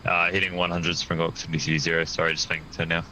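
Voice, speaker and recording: A male airline pilot talking over a cockpit radio headset. His voice is very deep with a sharp, tense edge. He answers air traffic control briefly and matter-of-factly, with a faint hiss behind him. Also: little pitch movement, fast, low-quality recording.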